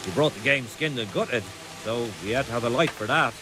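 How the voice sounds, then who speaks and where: A man's voice: medium pitch, brisk, background noise, lightly acted. A man voicing a wary, grudging medieval village tradesman in a video game. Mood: grudging, cooperative.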